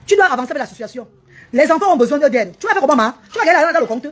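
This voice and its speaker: A woman's voice: high-pitched, animated. A woman, vlogging on social media in a defiant, indignant way. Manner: rapid-fire, defiant, indignant.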